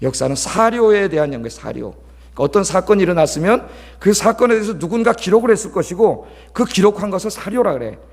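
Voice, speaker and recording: A man's voice: high voice, expressive, quick pace. Man, pastor, sermon, scolding asides, questions to the congregation, large church sanctuary. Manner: talkative, scolding asides with frequent "예?" checks to the congregation. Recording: long church hall reverb.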